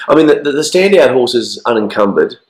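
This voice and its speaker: Croaky Australian man in an echoey room. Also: mid-range voice, expressive. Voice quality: croaky, hoarse frog-like voice. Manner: blokey, halting, repeats himself. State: hoarse from flu. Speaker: co-host of horse racing show. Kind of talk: casual racing chat and tipping. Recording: echoey, roomy sound.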